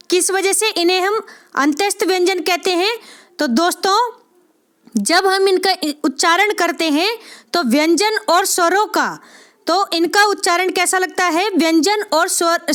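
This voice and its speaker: A woman teaching an exam-prep grammar lesson, who repeats key terms slowly, asks and answers her own questions, and keeps checking in with her viewers. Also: very high-pitched, fairly bright tone. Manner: frequent "theek hai" check-ins addressing viewers as friends.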